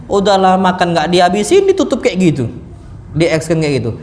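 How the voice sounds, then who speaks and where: A man giving a lively mosque lecture to a seated audience, acting out sounds and stories as he preaches. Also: high-pitched, brisk. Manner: lively, animated, acts out sounds and punchlines. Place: mosque hall. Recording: echoey mosque hall, faint noise.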